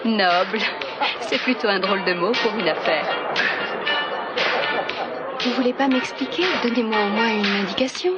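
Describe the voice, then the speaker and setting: High-voiced, composed woman, played by an actress. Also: normal speed, long pauses, highs cut off, loud music behind the voice, close to an everyday voice. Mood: calm curiosity. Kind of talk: dubbed TV soap acting.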